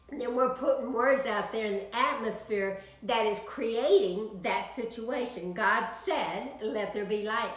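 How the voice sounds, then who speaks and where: This prayer broadcast sermon comes from an older woman minister with a Texan accent, speaking to online viewers from her home office in a fairly high voice. She preaches with animation and broad hand gestures, captured in a rough, reverberant recording.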